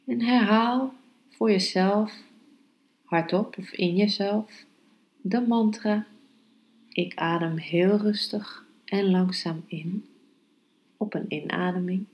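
A woman hosting a yoga podcast, teaching calmly and guiding meditation in a measured, unhurried way. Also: mid-range voice, rough recording. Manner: slow, measured, unhurried delivery with pauses. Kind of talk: calm instructional podcast and guided meditation.

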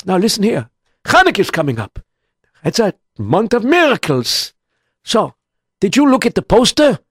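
A man's voice: sits high, sing-song, moderate pace, husky, no echo, clean studio sound, pitched above the performer's own voice, full character voice. A man voicing an elderly, fussy synagogue elder who repeats himself insistently. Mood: urging. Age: older.

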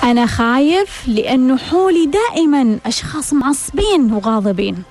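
A woman's voice: high voice, animated, brisk, a little mellow, faint music behind. A woman hosting a self-help radio talk, asking rhetorical questions and repeating them for emphasis. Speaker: radio host.

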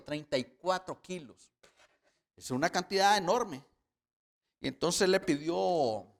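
Man preaching, high voice, emphatic, explains with sums. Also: creaky. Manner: teaching with sums, rising to loud emphatic retelling. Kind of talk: sermon.

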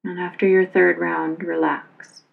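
A yoga instructor leads a guided relaxation, giving soothing, simple instructions. Her low-leaning voice carries plenty of vocal fry, and she speaks calmly and unhurriedly with very even pitch. The sound has a phone-like quality.

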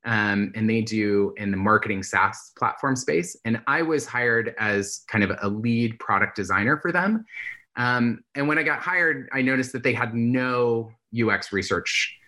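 A man from the Bay Area, a guest in a casual interview, talking in a relaxed, chatty way with lots of "like". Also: on the low side. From San Francisco Bay Area, US. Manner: relaxed and chatty, heavy use of "like". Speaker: guest, UX researcher.

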